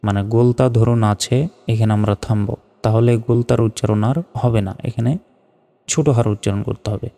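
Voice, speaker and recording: A man teaching Quran reading, methodically spelling out each syllable and then reciting the verses in slow, drawn-out phrases. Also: on the low side, fairly even intonation, vocal fry, warm tone. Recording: long reverb, faint background music.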